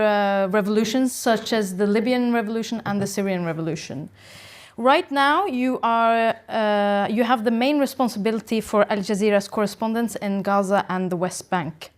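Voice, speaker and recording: A woman's voice: a little high, normal speed. A woman with a Norwegian accent hosting an event, formally reading an introduction and questions, a little nervous. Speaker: event host and interviewer.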